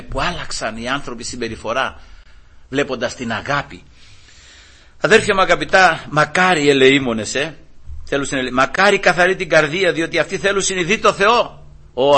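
A man's voice: medium pitch, pushed and bright, husky. A man preaching a sermon to his congregation, fervent and rising and falling in intensity. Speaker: pastor.

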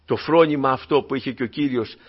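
A man fervently preaches a sermon to his congregation, moving from quiet, low asides to loud, emphatic peaks. The recording is dull and lo-fi.

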